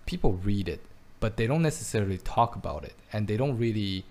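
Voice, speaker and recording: Speaking from his home in Taiwan, a Belgian-raised man talks casually, his voice on the low side, expressive, a little fast and a bit mellow. He hesitates a lot, restarting and repeating words frequently.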